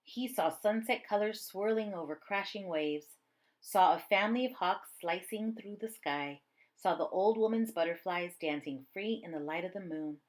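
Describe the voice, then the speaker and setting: With a medium-pitched voice and a moderate pace, a woman reads a children's story aloud, narrating it expressively as a storybook reader would.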